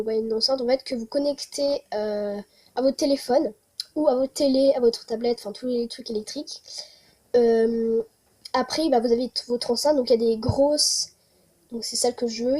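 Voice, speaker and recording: A woman's voice: on the high side, warm tone. A young woman, chatting casually through a holiday wishlist vlog, with many hesitations. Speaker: vlogger.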